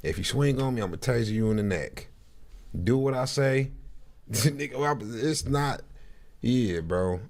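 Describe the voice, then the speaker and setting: Gravelly streamer mocking a clip. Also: male voice, medium pitch, lively intonation, measured pace, darkish tone. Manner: laughing, mocking, slangy banter. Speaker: streamer reacting to a video. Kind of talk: casual reaction commentary.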